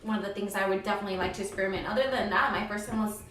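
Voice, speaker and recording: A woman's voice: medium pitch, fairly even intonation, racing, a bit bright, a little hiss or hum. A young woman chatting casually with friends about experiences, chatty and swearing freely. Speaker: podcast co-host. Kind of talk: casual chat. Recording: very echoey room, mic far off.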